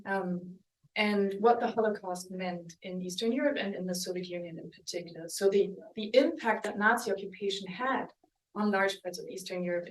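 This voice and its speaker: A West German woman, a historian, gives an academic book talk with slides in a mid-range voice. She speaks thoughtfully but hesitantly, pausing, restarting and saying "um." The mic sits at a distance, so the sound is roomy.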